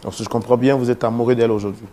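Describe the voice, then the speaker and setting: An actor playing a talk-show host who asks formal, measured questions of his guests. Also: medium pitch, steady tone, mellow, close to an everyday voice. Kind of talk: staged talk-show interview.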